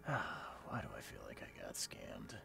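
Very deep, gravelly hard-boiled detective. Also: male voice, wildly swooping pitch, normal speed, in a whisper, full character voice. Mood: wry. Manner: terse, brooding. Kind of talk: video game character acting. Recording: noisy game audio with ambience.

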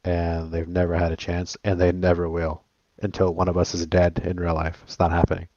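A man's voice: low-pitched, monotone, fairly quick, a little mellow, no echo, dull audio. A man in casual argumentative chat, blunt, crude and dismissive, often repeating himself.

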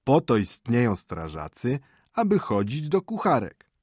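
A man reading an audiobook and voicing a grumpy, sleepy husband who grumbles gruffly. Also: mid-range voice, wildly swooping pitch, unhurried, a little mellow, no room sound, clean studio sound, pitched above the performer's own voice, exaggerated voice. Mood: grumbling. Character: grumpy, sleepy middle-aged husband, a prosecutor's assistant. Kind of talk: audiobook character voice.

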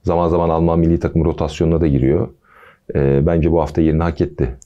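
A man hosting a football podcast, talking casually with a relaxed, chatty manner and jokey asides. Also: a bass voice, fast, highs cut off.

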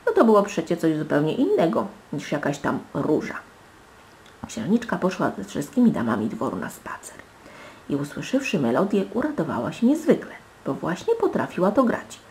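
Woman reading a fairy tale, lively and gravelly. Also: sits low, moderate pace, a little hiss or hum. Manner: dramatic, animated storytelling with soft hushed asides. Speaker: storybook reader.

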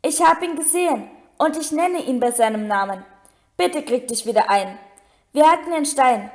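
A woman reading aloud as an earnest, insistent young boy wizard, a touch higher than her narration. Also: lively intonation, moderate pace, darkish tone.

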